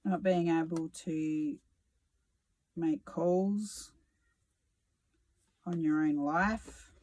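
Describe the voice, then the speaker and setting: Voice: medium pitch, steady tone, extremely slow, a little mellow, poor audio. A tarot reader giving a reflective solo reading, musing aloud with sarcasm and casual swearing.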